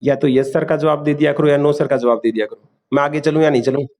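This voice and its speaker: Man, classroom lecture, quizzes students, somewhat high voice. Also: steady tone, quick pace, a little mellow. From India. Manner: quizzing students, repeating key terms. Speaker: teacher.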